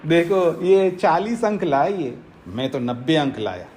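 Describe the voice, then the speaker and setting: A smug, boastful man, as a preacher puts him on, draws out his taunts and lingers on every word. His voice swings widely in pitch as he mocks another person's low score. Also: lively intonation, a little hiss or hum. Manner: taunting, drawn-out, showing off.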